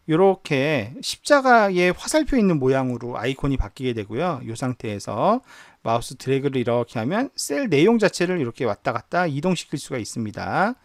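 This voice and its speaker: A man's voice: mid-range voice, vocal fry, no room sound, studio quality. A man teaching an online university class, walking through each step on screen. He asks the students questions and then answers them himself. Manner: walks through screen steps. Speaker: university professor. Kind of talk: online lecture on spreadsheet software.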